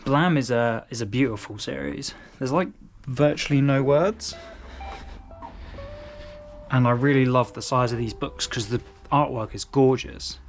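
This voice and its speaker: A young English man chatting casually at home as he organises his manga shelves, relaxed and rambling with frequent restarts. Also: medium pitch, a little slow, vocal fry, slight background noise. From England. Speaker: manga collector vlogger. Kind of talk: casual chat.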